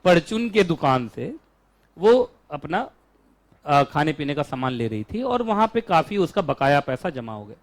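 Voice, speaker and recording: A man with an Indian accent teaching a law class, chatty and joking, stretching out key terms slowly. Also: fairly high pitch, big pitch swings.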